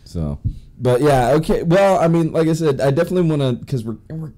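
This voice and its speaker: A man's voice: fairly high pitch, very animated, fairly quick, warm tone. A man hosting a podcast in casual chat, rambling with many restarts and fillers. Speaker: podcast host.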